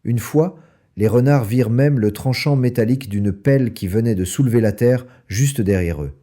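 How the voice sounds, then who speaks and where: A man reading a children's story aloud in French, lively and acting out the characters. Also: moderate pace. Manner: lively, acts out each character with raised pitch. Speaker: audiobook narrator.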